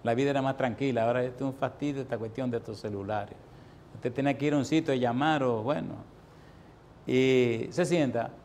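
A man in his sixties preaching a sermon with a mid-pitched voice. He tells a personal story in an animated way, lifting his voice for repeated refrains. A faint rumbling noise runs under the recording. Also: brisk. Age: 60s.

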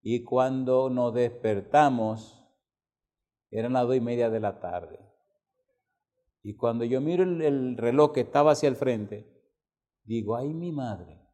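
A man's voice: medium pitch, a little slow, pauses often, mellow. A man preaching a sermon, asking the congregation questions and telling a funny story. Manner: asks the congregation questions and tells stories with humor. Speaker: pastor.

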